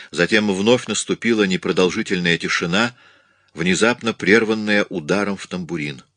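Deep-voiced man narrating a story. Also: fairly bright tone, dry recording, studio quality. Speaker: audiobook narrator. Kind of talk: scripted narration.

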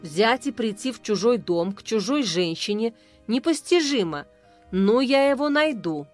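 A woman's voice: a little high, animated, measured pace, soft background music. A woman reading a suspicious, brooding young man. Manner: brooding inner thoughts.

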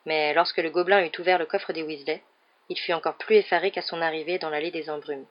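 A woman narrating an audiobook in a steady, measured storytelling voice. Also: deep voice, muffled recording.

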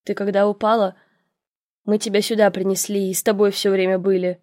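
A woman voicing a calm, protective young man who speaks steadily. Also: mid-range voice, brisk, no room sound, studio quality, close to an everyday voice.

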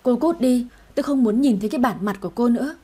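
A woman voicing a stern, quick-tempered older lady of the house who scolds and gives orders. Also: a little high, animated, dark tone, husky. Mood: scolding. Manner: scolding, commanding.

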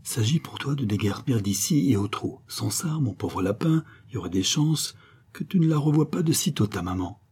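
A man's voice: animated, normal speed, darkish tone, slightly rough. A man voicing a cocky, streetwise Parisian boy in an audiobook, slangy and brash. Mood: coaxing. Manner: slangy, brash, raised pitch. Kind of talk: audiobook dialogue.

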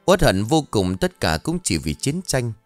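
A man narrating an audio story in a dramatic, expressive reading style. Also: medium pitch, a little slow, no room sound, soft background music.

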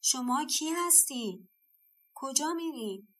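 A woman's voice: fairly high pitch, fairly bright tone. Woman voicing a pleading forest monkey. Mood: yearning.

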